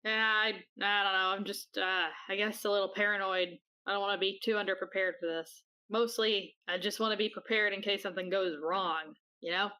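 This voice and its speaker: A woman's voice: medium pitch, steady tone, brisk, few pauses, bright, forceful tone, clear, resonant tone. A woman playing in a tabletop game, speaking casually and a bit hesitantly. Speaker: player.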